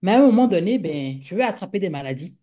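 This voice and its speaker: A woman's voice: lowish voice, very animated, fast, mellow. A woman from Africa, a guest speaker, talking conversationally in a rambling way full of fillers and repeated words, and acting out her own thoughts as little quoted speeches. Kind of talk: conversational talk.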